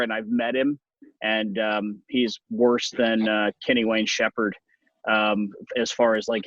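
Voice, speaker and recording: A man's voice: mid-range voice, no room sound. Californian man chatting casually, dull lo-fi audio. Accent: Californian American. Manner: rambling, anecdotal, wry. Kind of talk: casual conversational talk.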